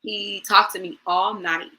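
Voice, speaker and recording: A woman's voice: mid-range voice, fairly even intonation, a little slow, sharp tone, low-quality recording. A woman in her forties recounting a personal story as a guest on a talk show, voicing the people in it as she tells it. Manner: storytelling, acts out quoted lines, emotional.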